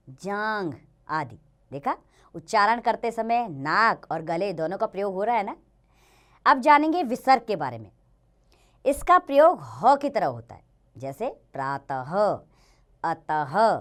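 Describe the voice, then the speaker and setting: A woman teaching a children's Hindi grammar lesson, slowly sounding out each letter and example word and speaking to the children directly. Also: medium pitch.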